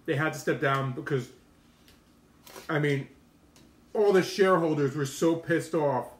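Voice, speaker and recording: A man's voice: on the high side, unhurried. A man chatting casually to viewers on a livestream, rambling and opinionated, telling stories with plenty of slang. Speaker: mukbang streamer. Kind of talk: casual rambling live-stream chat to viewers. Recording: roomy, echoey room sound.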